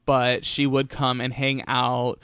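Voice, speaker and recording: Slow-talking sassy, campy man. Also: medium pitch, completely flat delivery, fairly bright tone, smooth, no echo. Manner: sassy, campy drag-queen slang. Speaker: podcast co-host. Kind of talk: casual chat.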